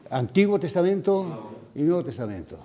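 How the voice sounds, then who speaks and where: Guy giving a sermon at a retreat, warm mellow voice, thoughtful, keeps asking the room questions. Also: fairly high pitch, big pitch swings, normal speed, muffled recording. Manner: reflective, asks the audience questions. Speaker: preacher.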